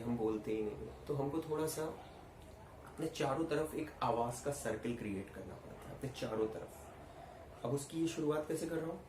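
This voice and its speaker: A man's voice: on the high side, dark tone. A man teaching an online acting lesson in Hindi speech work, explaining stress on vowels and projecting his voice in demonstrations. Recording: roomy recording with faint ambient noise.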